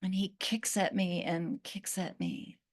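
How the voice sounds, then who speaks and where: A woman channeling a once-cursed fig tree spirit, speaking in a slow, earnest storytelling manner with long pauses. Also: fairly low pitch, big pitch swings.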